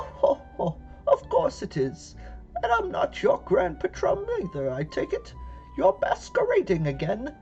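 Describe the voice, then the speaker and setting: A man voicing a nosy, suspicious little old beggar woman with a shrill, cackling, scolding manner. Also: creaky, dark tone, muffled recording, heavily acted.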